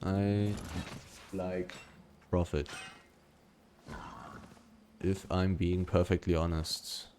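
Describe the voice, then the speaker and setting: A man's voice: low-pitched, steady tone, extremely slow, pauses often, warm tone, slight background noise. A man giving casual running commentary while he plays a video game, thinking aloud and humming between remarks. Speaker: gaming video creator.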